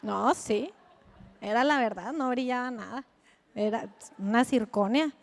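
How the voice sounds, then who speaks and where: Mexican woman preacher, high voice, chatty animated storyteller, long church-hall echo. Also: unhurried, gravelly. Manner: animated, chatty, with asides and laughs. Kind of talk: sermon with personal storytelling.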